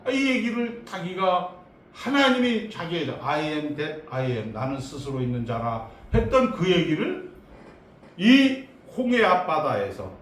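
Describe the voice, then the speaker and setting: Lively preacher in an echoey hall. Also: male voice, on the high side, a little hiss or hum. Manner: animated, rhetorical questions, comic asides. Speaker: pastor. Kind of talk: sermon. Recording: echoey church hall, distant mic.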